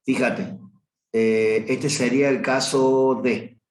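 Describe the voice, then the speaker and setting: A man's voice: medium pitch, little pitch movement, slow, darkish tone. A man teaching a review class on limits, talking through a graph and stopping often to correct himself. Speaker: math teacher. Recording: roomy echo.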